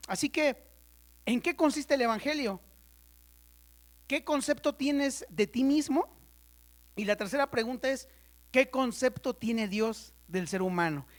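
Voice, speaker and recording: A woman teaching a church Bible study class, chatty and playful, constantly checking in with her students and spelling out terms slowly for the ones taking notes. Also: high-pitched. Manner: conversational, checks in with the class often.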